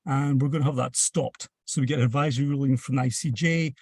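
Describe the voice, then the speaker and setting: A man with a husky edge to his medium-pitched voice explains his cause as a panel guest. He is emphatic and plain-spoken, recorded close and dry. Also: steady tone, quick pace, a little mellow, no echo. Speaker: campaign activist, panel guest. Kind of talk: explanatory interview talk.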